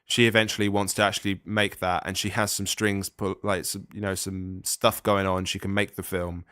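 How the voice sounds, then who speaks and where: A man's voice: low voice, flat delivery, moderate pace, bright, forceful tone, smooth, no room sound, clean studio sound. A man co-hosting a film podcast, chatting casually and bluntly, swearing freely. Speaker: podcast co-host. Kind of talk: casual chat about films.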